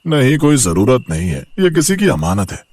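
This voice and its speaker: A man playing a grumbling, stingy husband and father who talks in a hushed voice. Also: mid-range voice, very animated, moderate pace. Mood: stern.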